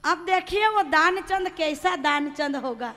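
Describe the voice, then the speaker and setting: A woman's voice: sits high, a little slow, fairly bright tone. A woman giving a devotional sermon, telling a sacred story with drama and switching into the voices of its characters. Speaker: religious storyteller.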